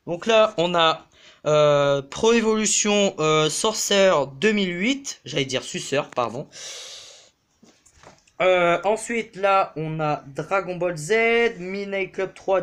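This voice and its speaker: A young man giving a casual tour of his bedroom, rambling and hesitant with lots of fillers, his voice jumping up then sinking low and quiet. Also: expressive, slow pace, smooth. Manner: pitch swings up and drops low and quiet. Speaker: vlogger. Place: bedroom, indoors.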